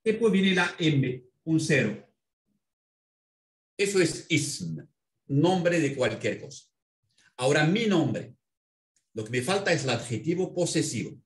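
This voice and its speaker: A man teaching a language in an interview, patiently explaining and spelling out words slowly. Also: a little high, very animated, reverberant. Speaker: Arabic language instructor.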